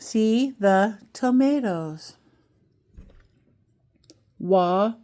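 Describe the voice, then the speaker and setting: Slow, encouraging kindergarten teacher woman. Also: mid-range voice, lively intonation, dark tone. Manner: slow, encouraging, sounding out letters. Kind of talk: children's phonics lesson.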